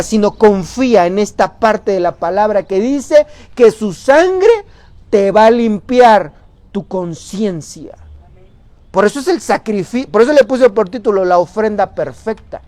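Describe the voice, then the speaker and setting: Pastor preaching, lots of rhetorical questions, loud then soft, dry close sound. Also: male voice, high voice, no echo. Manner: asks the congregation rhetorical questions, swings between loud and soft. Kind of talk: sermon. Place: church.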